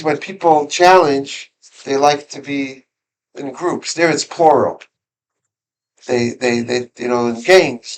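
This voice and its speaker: A man's voice: fairly high pitch, low-quality recording. A man teaching a classroom Torah lesson, talking conversationally, questioning his students, and often restarting his sentences. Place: school classroom.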